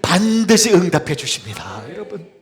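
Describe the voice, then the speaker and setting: A Korean pastor preaching a Sunday sermon, swinging from hushed, almost whispered lines to loud, fervent cries. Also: male voice, high voice, sing-song, normal speed. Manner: swings from hushed to shouted cries when quoting scripture. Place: church sanctuary.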